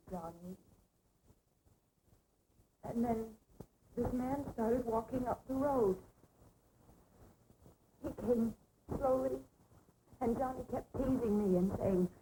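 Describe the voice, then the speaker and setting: A high, dark-toned voice from a shell-shocked young woman in an old horror film, slow and halting as she talks through her terror. She keeps faltering and crying, her words falling apart under shock, with a faint hiss on the tape. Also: rough recording. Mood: dazed. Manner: halting, dazed, breaking into sobs. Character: dazed terrified young woman recounting an attack. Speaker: film character. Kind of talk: 1960s horror film acting.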